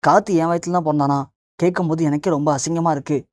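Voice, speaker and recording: An anxious older mother-in-law asks pleading questions, as the narrator reads her part. The voice is mellow and warm. The sound is dry. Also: medium pitch, fairly even intonation, quick pace, no room sound, natural voice. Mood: distressed.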